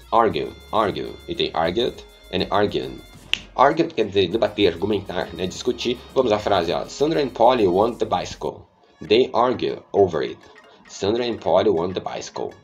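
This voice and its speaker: A man teaching an English pronunciation lesson, patiently repeating words slowly and checking in with his students. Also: low-pitched, sing-song, husky, soft background music.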